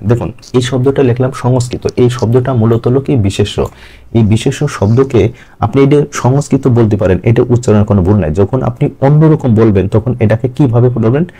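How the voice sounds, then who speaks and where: A man's voice: mid-range voice, warm tone. A man teaching a grammar lesson, asking his students questions and then answering them himself. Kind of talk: step-by-step lecture.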